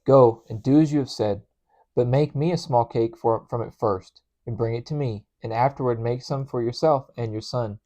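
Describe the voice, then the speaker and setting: A man voicing a solemn male prophet with a slow, weighty delivery. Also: medium pitch, warm tone, natural voice.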